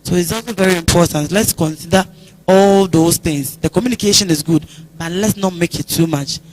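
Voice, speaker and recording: A woman's voice: lowish voice, a little fast, darkish tone, a little hiss or hum, rough recording. A woman with a Ghanaian accent, a guest on a church talk show, giving earnest advice and acting out small phone chats. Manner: earnest, advising, acts out little phone chats. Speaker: guest speaker.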